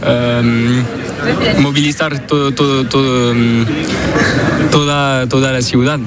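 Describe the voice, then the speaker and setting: A man answering a street interview outdoors, halting and searching for words with many fillers. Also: medium pitch, level tone, loud music behind the voice. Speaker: passer-by interviewee. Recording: loud street noise.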